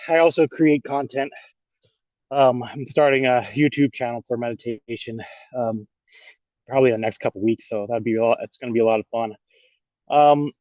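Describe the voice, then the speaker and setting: A man's voice: mid-range voice, a little mellow, dry recording. A man, out of breath from a bike ride, introducing himself on a video call in a rambling way with many fillers. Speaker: workshop participant, yoga instructor. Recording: dull lo-fi call audio.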